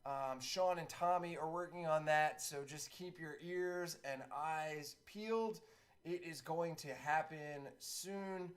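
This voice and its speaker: A man streaming online who chats in a relaxed way, full of fillers, and calls horse races, building up to shouting at the finish. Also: a little high, slow. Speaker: streamer and race caller. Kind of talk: live-stream chat and horse race commentary.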